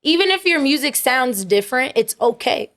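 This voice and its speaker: Here a singer-songwriter, a young woman whose voice sits high, talks loosely as an interview guest, at ease, filler-heavy and quick to break into laughter. Background noise can be heard.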